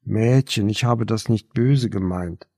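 A man voicing a blunt, practical young woman in an audiobook, brisk and scolding toward her friend. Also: medium pitch, lively intonation, a little mellow, breathy edge. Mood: consoling.

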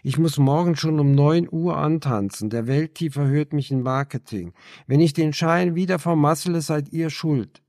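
A man voicing a grumpy, just-woken young female student in an audiobook, snapping at her flatmates. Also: on the high side, normal speed, no room sound, studio quality, pitched above the performer's own voice, lightly acted. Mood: irritated.

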